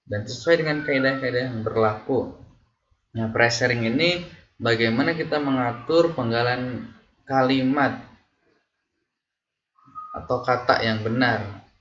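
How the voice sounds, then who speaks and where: A man teaching a singing lesson, explaining slowly and patiently with fillers and sung examples. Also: mid-range voice, fairly bright tone, lo-fi sound. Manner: slow, patient explaining, sings short examples, many fillers. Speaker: music teacher. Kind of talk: casual online singing lesson.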